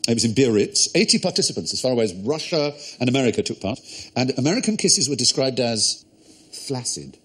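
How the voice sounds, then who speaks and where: A man's voice: medium pitch, big pitch swings, fairly quick, fairly bright tone, breathy edge. A man hosting a comedy quiz show in a studio, erudite and playful, relishing his words. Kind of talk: witty panel show hosting. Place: TV studio with audience.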